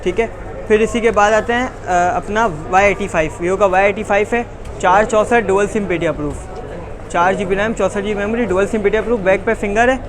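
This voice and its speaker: A man with a Pakistani accent selling phones in an insistent teleshopping-style pitch, repeating prices and stock phrases as he runs through models. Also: fairly quick. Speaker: phone seller. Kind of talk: rapid sales pitch listing models and prices. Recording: busy street noise and chatter.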